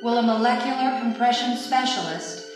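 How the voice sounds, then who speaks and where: A calm female facility announcer reads formal notices over a PA system. Her voice is fairly high and rings out through a very echoey space from a distance. Music plays clearly behind her. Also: normal speed. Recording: echoey loudspeaker from far off.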